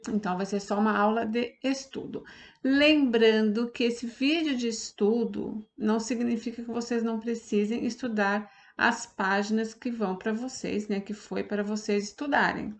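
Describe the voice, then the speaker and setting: A woman's voice: fairly high pitch, fairly even intonation, normal speed. A woman teacher with a Brazilian Portuguese accent, patiently explaining a lesson step by step and often checking that students follow. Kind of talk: online class lesson.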